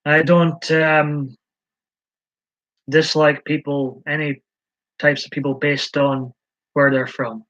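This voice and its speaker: Heard through slightly dull, lo-fi stream audio, this man from Scotland hosts a live stream, rambling hesitantly and saying um a lot. He has a fairly high, a bit bright voice with a level tone, speaking slowly and leaving long pauses.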